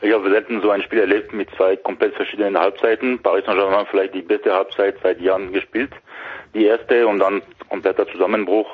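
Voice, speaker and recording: A deep, flat-toned man speaks over a thin telephone line with a husky edge. He calls in as a football expert on a radio sports show. He breaks up his analysis with frequent hesitant fillers. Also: fairly quick. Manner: hesitant, many filler sounds. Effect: heard over a telephone line. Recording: narrow phone-line sound.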